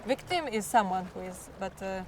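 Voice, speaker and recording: A teenage Croatian girl who sings in a klapa answers interview questions in halting, Croatian-accented English, pausing to search for words and sometimes slipping into her native language. Her mid-pitched voice is slightly hoarse and a little mellow, with lively intonation, and a faint hiss sits behind her.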